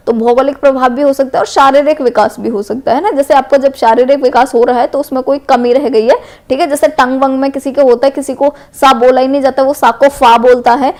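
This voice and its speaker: A woman's voice: high-pitched, darkish tone. A woman teacher with a western Uttar Pradesh Hindi accent, going through exam multiple-choice questions in an explanatory way and often checking in with "है ना". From Uttar Pradesh, India. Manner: explanatory, repeats "है ना" and "correct है". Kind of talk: exam MCQ revision lesson.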